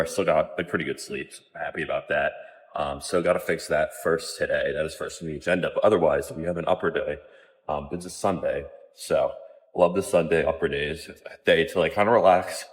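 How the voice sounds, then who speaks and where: This young adult college guy has a low voice with a breathy edge, vlogging about fitness while slightly out of breath on a treadmill. His casual talk to the camera is relaxed and rambling, filled with ums and likes.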